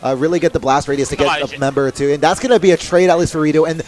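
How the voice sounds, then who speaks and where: A young man calling live esports play-by-play, quick and excitable, laughing now and then. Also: on the high side.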